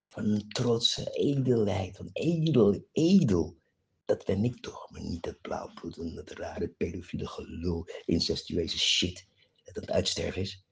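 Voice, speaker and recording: A man delivering a rambling, profane rant at a friend, jumping between topics and swinging between low muttering and loud outbursts, often tossing in a questioning "eh?". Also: vocal fry, slightly rough.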